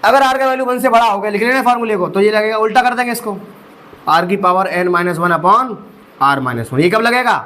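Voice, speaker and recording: A man's voice: high-pitched, fairly quick, sharp tone. A young man teaching maths, walking students through each step with rhetorical questions and calling them bhai sahab. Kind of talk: exam-prep lecture.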